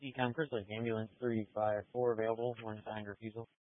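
A man's voice: on the low side, level tone, fast talker, dry recording. A man on an ambulance crew giving formulaic status reports over the radio. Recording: narrowband ambulance radio transmission.

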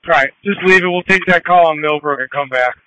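A man working as a fire officer, giving brisk, matter-of-fact reports over two-way radio. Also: a little high, pushed and bright, dry recording, rough recording.

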